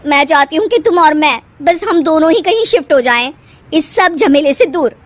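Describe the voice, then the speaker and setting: A woman's voice: high-pitched, expressive, moderate pace, voice pushed up. A woman voicing a spoiled, bossy young wife in a cartoon, whining and haughty. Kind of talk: cartoon voice acting.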